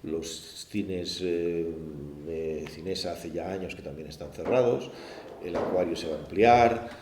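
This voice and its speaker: Speaking low, a Barcelona-born man in his sixties with that city's Spanish accent recalls his years as a port project manager for a panel's oral history. He explains things steadily and often tags phrases with a question. Faint noise and a roomy echo fill the recording.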